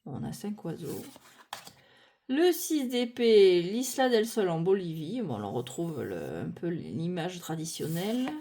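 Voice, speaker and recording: A woman's voice: lowish voice, very animated, dark tone, slight background noise. A French-speaking woman casually walking through a tarot deck card by card, thinking aloud with many fillers and restarts. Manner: unhurried, thinking aloud with frequent fillers and self-corrections.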